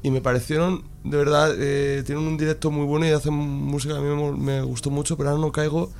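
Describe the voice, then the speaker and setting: Hesitant man, slightly higher voice. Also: flat delivery, fast talker, vocal fry, a little mellow. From Spain. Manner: hesitant, searches for words, friendly. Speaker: band musician, interview guest. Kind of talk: casual radio interview.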